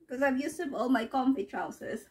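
A woman's voice: high voice, a little fast, recorded from a distance. A woman, a mother and vlogger, chatting casually and teasingly at home, apologetic and often giggling. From Philippines. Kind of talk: casual family chat. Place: her son's bedroom at home.

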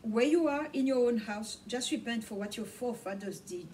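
A middle-aged woman who grew up speaking Swahili preaches to camera in a small home study, her voice on the high side, animated, slightly mellow, and at a normal speed. Passionate and full of gestures, she repeats words for emphasis, heard through a camera mic across the room amid faint room noise.

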